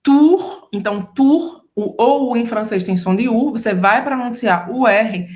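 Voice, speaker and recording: A Brazilian woman with a Brazilian Portuguese accent co-hosts a relaxed French lesson. Her voice sits a little high. She breaks French pronunciation down step by step for learners. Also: normal speed. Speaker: French teacher. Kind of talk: casual bilingual language lesson.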